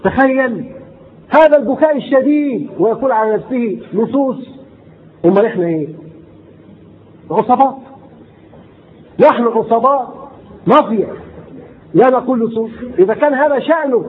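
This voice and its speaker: A man with an Egyptian accent delivers a sermon in a strikingly high voice. He recites classical lines and then repeats and explains them in colloquial speech. The recording is thin and tinny, like a phone line, with a faint hiss underneath. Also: animated, brisk, pauses often. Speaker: preacher.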